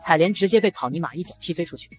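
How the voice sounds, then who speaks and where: Brisk, high-voiced male narrator. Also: animated. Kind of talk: scripted audiobook narration. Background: faint music.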